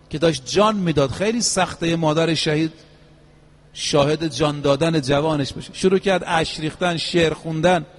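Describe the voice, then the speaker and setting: A man preaching a sermon, telling stories and chanting Arabic verses slowly. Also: on the high side. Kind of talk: religious sermon with storytelling. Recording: long hall reverb.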